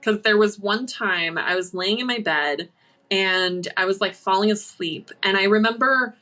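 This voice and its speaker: A woman's voice: medium pitch, pushed and bright. Woman telling a story, rambling casually. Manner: rambling storyteller, many "like"s and restarts. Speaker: host. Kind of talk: casual livestream chat.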